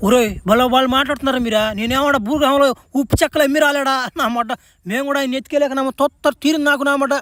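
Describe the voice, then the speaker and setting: A man voicing a cartoon hero in crude, rapid, profane comic banter. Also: extremely high pitch, steady tone, a bit bright, dry recording. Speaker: cartoon voice actor playing the Flash.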